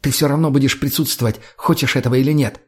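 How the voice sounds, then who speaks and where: A man's voice: medium pitch, fairly even intonation, fast talker, slightly rough, lightly acted. A man voicing a ruthless, cold woman gang leader who talks harshly and swears. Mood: menacing. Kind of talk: audiobook character voice.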